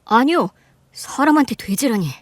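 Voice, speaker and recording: An actor playing a calm, formal young doctor about to marry, polite but quietly offended. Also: male voice, very high-pitched, moderate pace, no echo, studio quality. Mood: composed. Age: young adult. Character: polite composed young male doctor, groom-to-be.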